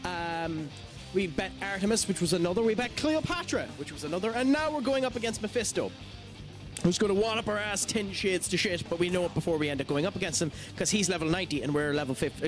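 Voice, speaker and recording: An Irish man streaming a game, chatting in an easygoing way and reading out chat. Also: sits high. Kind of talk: casual live-stream chat.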